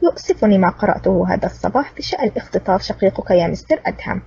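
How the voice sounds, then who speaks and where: A woman's voice: mid-range voice, animated, very fast, vocal fry, warm tone, breathy edge, full character voice. A woman reading a sly gloating old villain. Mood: sly menace. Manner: cunning, smug and mocking. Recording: distant, dull lo-fi recording.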